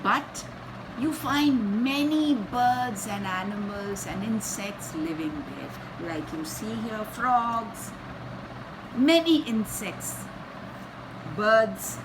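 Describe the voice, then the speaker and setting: In a noisy setting, a woman with a medium-pitched voice reads a children's story in a dramatic, expressive way like a teacher would. She pauses between brief phrases and repeats words to make them land.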